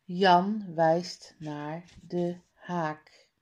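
A woman reading a simple children's book aloud, deliberately and clearly, announcing the page numbers. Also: on the low side, fairly even intonation, darkish tone. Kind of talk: slow read-aloud storytelling.

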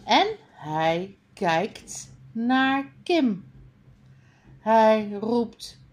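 Very slow, lively-voiced woman teacher reading. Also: a little high. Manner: clearly sounded-out words with pauses between them. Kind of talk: slow read-aloud of a beginner reading lesson.

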